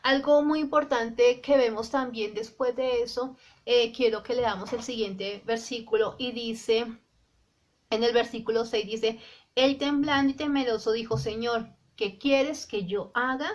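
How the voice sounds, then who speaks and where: A woman preaching a sermon with a fairly high voice. She speaks earnestly and straight to the listener, slowing down for quoted scripture and sometimes restarting a word. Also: fairly even intonation. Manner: earnest exhortation, addressing the listener directly; restarts and repeats words.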